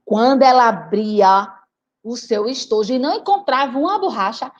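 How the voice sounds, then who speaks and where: A woman from Recife, a teacher and writer giving a lively storytelling talk and speaking straight to her audience. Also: on the high side, moderate pace, dull audio. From Recife, Brazil. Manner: animated, chatty, addresses audience directly.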